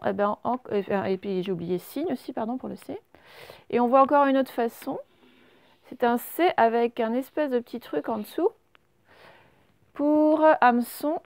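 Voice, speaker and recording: A woman teacher with a fairly high voice, a gravelly edge and very dry sound. She gives a reading lesson to small children, stretching each word out and checking they follow along. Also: darkish tone, no room sound. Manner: slow, carefully sounded-out words; patient, questioning teacher voice. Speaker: primary school teacher.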